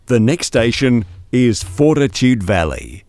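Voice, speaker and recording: A man's voice: medium pitch, big pitch swings, a little slow, darkish tone, dry recording. A man reading formal train station announcements, played back as recorded clips and cut into pieces. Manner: formal, evenly paced public address reading, cut into pieces. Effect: pre-recorded announcement clips played back.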